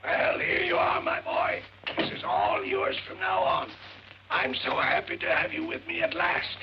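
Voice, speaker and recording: An actor playing a cranky older uncle in a 1940s film, who has lost his voice and croaks hoarsely through his lines. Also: very high voice, flat delivery, a little slow, a crowd in the background, background noise, exaggerated voice. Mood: gruff, grumbling. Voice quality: croaky, gravelly. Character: gruff older man, hoarse, feuding and cranky. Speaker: irritable rich uncle. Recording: muffled old film soundtrack.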